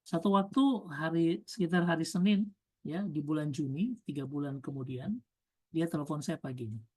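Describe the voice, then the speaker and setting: Woman preacher, lowish voice, storytelling sermon, pushes emphasis up, lists stuff. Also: normal speed, a little mellow, breathy edge. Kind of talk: sermon with personal testimony.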